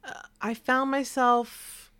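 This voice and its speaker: A young woman co-hosting a podcast, chatting casually and candidly about a movie, animated, swearing and laughing often. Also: sits high, takes it slowly, smooth. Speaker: podcast co-host. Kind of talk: casual movie review chat.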